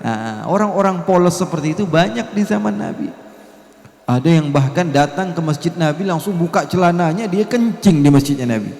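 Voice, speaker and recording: A man preaching a sermon with lively, colloquial storytelling and humor. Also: a little high, brisk, creaky. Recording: echoey hall reverb.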